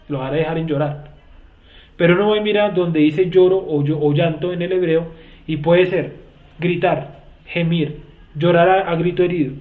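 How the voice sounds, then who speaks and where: High-voiced man teaching a Bible class. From Colombia. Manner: explains word meanings, often questions the class. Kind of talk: Bible study lecture. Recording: echoey room, tinny phone-like sound.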